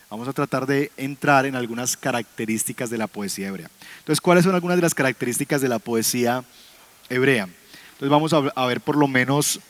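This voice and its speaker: A man teaching a Bible class on Hebrew poetry, talking to his students, asking them questions and chuckling now and then. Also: mid-range voice. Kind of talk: classroom lecture.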